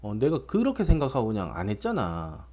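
A man's voice: lowish voice, wildly swooping pitch, a little fast, dark tone. A man giving casual stock market commentary, rambling and provocative, tossing out constant tag questions.

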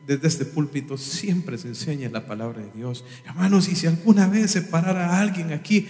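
A man's voice: a little high, moderate pace, mellow. A man preaching a sermon from the pulpit, emphatic and full of rhetorical questions. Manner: emphatic, rhetorical questions, imitates instrument sounds. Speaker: pastor. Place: church sanctuary. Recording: echoey hall, reverb.

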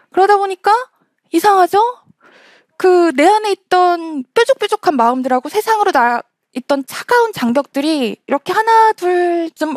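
A woman speaking on stage in a storytelling talk, her voice set a little high and moving a lot in pitch. She acts out the quoted lines of the people in her story. The sound is close and dry. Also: dry recording.

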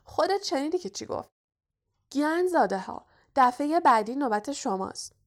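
A woman's voice: sits high, big pitch swings, voice pushed up. Ron: a sarcastic young schoolboy wizard voiced by a woman. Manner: sarcastic and indignant. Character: mocking, hot-headed young schoolboy wizard.

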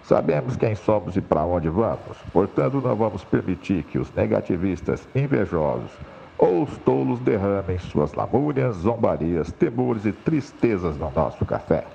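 A man speaks in the even, measured cadence of a pilot addressing passengers. His voice sits low and mellow with a gravelly edge, and the pitch moves freely through each phrase. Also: dull audio, slight background noise. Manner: measured, announcer-like delivery. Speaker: motivational speaker posing as airline captain. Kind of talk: scripted motivational monologue in the form of an in-flight announcement.

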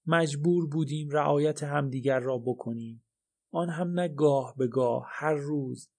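Gravelly-voiced male audiobook narrator. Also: a little high, a little mellow. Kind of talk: first-person audiobook narration.

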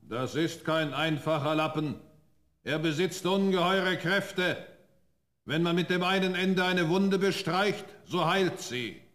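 A man's voice: fairly high pitch, slow pace, a bit bright. A man voicing a huge, crafty spirit freed from a bottle, pleading and then solemn, in a fairy-tale radio play.

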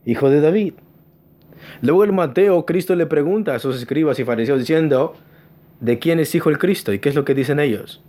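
A man's voice: on the high side, dark tone. A man preaching a teaching sermon in church, often asking the congregation questions, answering them himself, and telling them to pay attention. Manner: stresses key words by slowing down. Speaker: pastor.

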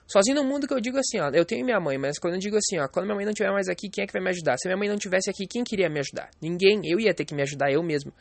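A man's voice: high-pitched, animated, racing, gravelly, hardly any pauses, no echo. A man from Rio do Sul, vlogging in a blunt, profane, rambling monologue full of fillers. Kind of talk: casual monologue.

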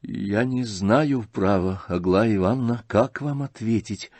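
A male reader voicing a gentle, shy young prince in an audiobook, speaking slowly and hesitantly. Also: lowish voice, dry recording. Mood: earnest. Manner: slow, hesitant, earnest.

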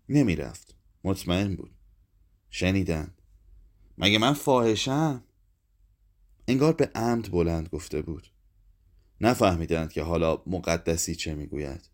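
A man narrating a literary short story in a measured, even reading voice. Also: sits low. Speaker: audiobook narrator. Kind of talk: scripted narration.

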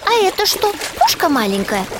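A woman playing a curious schoolgirl adventurer in a radio drama, inquisitive and quick to plead with adults. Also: high voice, sing-song, heavy background noise.

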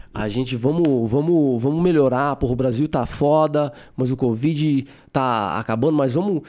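A man with a Brazilian Portuguese accent hosting a podcast, talking in an animated, casual monologue, swearing and laughing often. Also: mid-range voice. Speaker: podcast host.

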